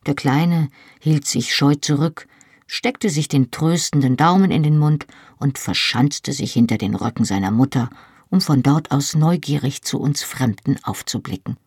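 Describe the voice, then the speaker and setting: A woman reads a novel aloud in a calm, measured way. Her voice is low and husky, and the recording is close and dry with no room sound. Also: no echo. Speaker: audiobook narrator. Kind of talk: scripted narration.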